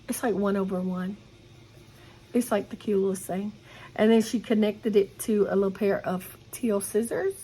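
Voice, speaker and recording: A woman's voice: mid-range voice, a little mellow, a little hiss or hum. A middle-aged woman chatting casually about her cross-stitch haul in an enthusiastic, rambling way, recorded at home. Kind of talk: casual show-and-tell chat.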